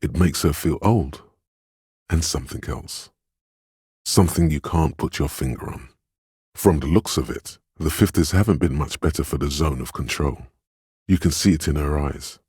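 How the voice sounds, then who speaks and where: Like scripted game narration, a heavily husky, extremely deep male voice sounds inside a troubled detective's mind, darkish, measured and intimate. It's a full character voice with a gentle, perceptive, knowing mood. The recording is close and dry, with no room sound.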